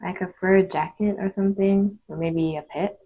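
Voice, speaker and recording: Woman, mystical tarot card reading, husky voice, halting short phrases addressed to viewer, dull lo-fi recording. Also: medium pitch, steady tone.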